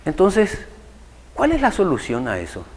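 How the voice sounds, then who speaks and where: A man giving an unhurried spiritual lecture to an audience, often posing rhetorical questions. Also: high voice, wildly swooping pitch, a little hiss or hum. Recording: long hall reverb.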